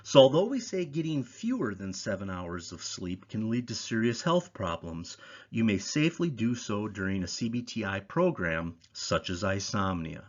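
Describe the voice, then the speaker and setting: A man reading scripted educational material in a measured, didactic way, stressing key points like a presenter. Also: on the low side, sing-song, lo-fi sound. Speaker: presenter of a sleep education series. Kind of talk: scripted instructional narration.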